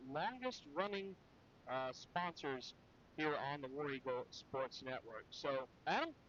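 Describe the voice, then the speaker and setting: A man's voice: a little high, very animated, a little slow, fairly bright tone, a little hiss or hum. A man hosting a live sports pregame show, chatty with many fillers. His voice sounds muffled, as if through a wall. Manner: chatty, with frequent fillers and restarts. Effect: muffled, dull sound, as if through a wall. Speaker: sports broadcast host. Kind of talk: live pregame chat and sponsor reads.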